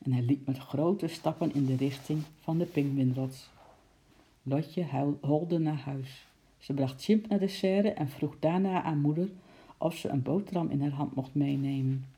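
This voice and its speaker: A woman reading a children's story aloud in a gentle, expressive way. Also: deep voice, unhurried. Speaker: narrator.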